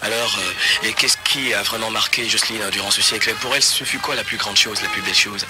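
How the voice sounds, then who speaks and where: Halting man asking an interview question. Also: on the low side, fairly even intonation, music in the background. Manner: halting, fills pauses with hesitations. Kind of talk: radio interview clip.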